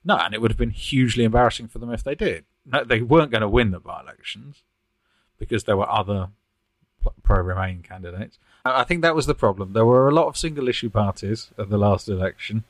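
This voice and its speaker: Guy on a podcast, low voice, rambly, self-deprecating, very dry close sound. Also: fairly quick, no room sound, rough recording. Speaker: podcast co-host. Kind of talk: casual political chat.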